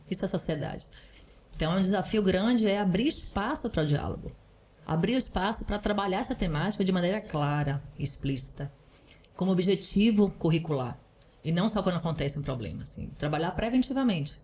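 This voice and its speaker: A parental counselor and psychoanalyst, appearing as a podcast guest, explains things earnestly and offers advice in a lowish, slightly mellow voice. She often tacks on small tag questions like "né," and there is slight background noise.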